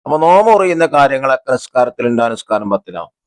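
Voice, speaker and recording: A man's voice: mid-range voice, very animated, very fast. Man explaining a religious textbook lesson. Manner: reads the textbook aloud, then explains and glosses terms; asks questions and answers them himself. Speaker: religious school teacher.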